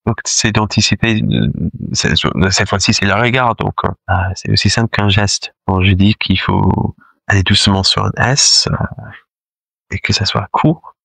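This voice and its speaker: In this casual interview, a man who learned French as a second language and directs a choir speaks slowly and deliberately in a lowish, gravelly voice with a fairly bright tone. He hesitates often, filling gaps and restarting, and the audio has no echo.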